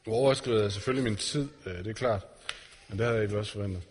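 In a reverberant church hall, a male preacher earnestly addresses his congregation and puts pointed questions to them. He has a lowish voice, and a little hiss or hum sits under the recording.

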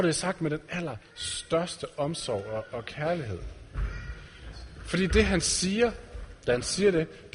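In a church hall with noticeable reverberation, a preacher earnestly delivers a sermon and quizzes his listeners directly. He speaks with a fairly high, slightly rough voice.

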